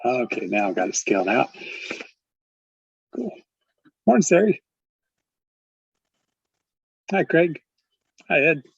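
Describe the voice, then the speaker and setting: A husky-voiced man presides over a club meeting held on a video call, trading easy small talk and welcoming each member by name. His words come through dull and lo-fi, and they sound close and dry with no room around them. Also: mid-range voice, very animated, slow, pauses often, dry recording. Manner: chatty, greets members by name, laughs often. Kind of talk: casual chat.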